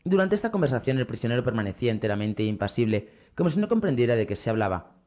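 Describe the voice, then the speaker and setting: A man reading a novel aloud as an audiobook narrator in a measured, steady way. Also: mid-range voice. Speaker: audiobook reader. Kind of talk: scripted narration.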